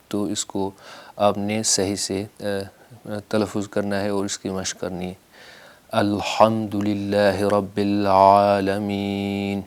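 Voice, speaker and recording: A man teaching correct prayer pronunciation, explaining in a measured way with filler pauses and slowly drawn-out recited examples. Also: on the low side. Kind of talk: instructional lesson with slow recitation.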